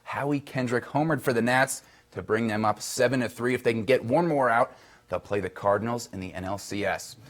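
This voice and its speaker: A male sports reporter delivering a scripted local news segment. His voice sits at a middle pitch for a man, and he reads briskly and cheerfully, keeping scores and stats moving along.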